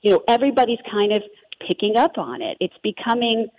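A woman's voice: a little high, a little fast, darkish tone, highs cut off. A woman in her thirties with a New Jersey accent, talking eagerly as an interview guest, full of fillers and asides. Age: 30s. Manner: enthusiastic, rambling with fillers. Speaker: guest, holistic health advocate. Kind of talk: conversational interview.

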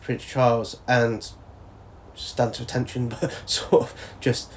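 A man in his thirties tells stories from his army days in a relaxed, chatty way. He laughs often and slips into quick impressions of the people he quotes. His voice sits at an ordinary middle pitch. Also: slight background noise. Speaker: guest, former soldier. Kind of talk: casual interview storytelling.

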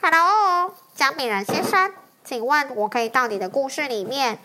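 A woman's voice: high voice, lively intonation, normal speed, noisy background. A woman voicing an eager but timid young male dragon who begs politely to be a hero in a storybook reading. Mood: pleading. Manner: pleading, polite, whiny when scared.

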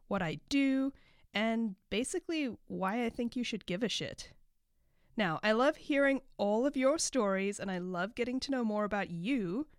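A woman's voice: fairly high pitch, no echo, clean studio sound. Woman with a nasal, congested voice. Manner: informal, chatty, mild swearing. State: recovering from a cold. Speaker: podcast host and life coach. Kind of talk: casual podcast monologue.

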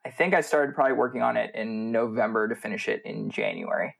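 Quick and creaky, this lowish male voice belongs to an American MBA student. He's a podcast guest responding to interview questions in an easygoing, conversational manner.

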